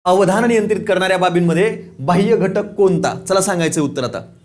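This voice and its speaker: A man's voice: high-pitched, fairly quick. A man teaching an online exam-prep lesson. He asks questions, answers them himself, repeats key points and chuckles now and then. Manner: repeats key points, says "lakshat theva"; casual, chuckles and teases students.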